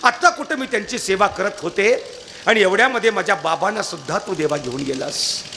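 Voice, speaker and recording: A man's voice: high-pitched, fairly quick, creaky, bright, forceful tone, exaggerated voice. A man voicing a grieving orphaned young girl who cries out and pleads with God, during a devotional kirtan. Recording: noisy live event recording.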